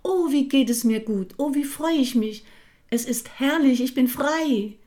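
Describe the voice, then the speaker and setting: A woman voicing Manja, a cheerful little girl water droplet, with bright, excited exclamations. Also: high-pitched, unhurried, pitched above the performer's own voice. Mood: joyful.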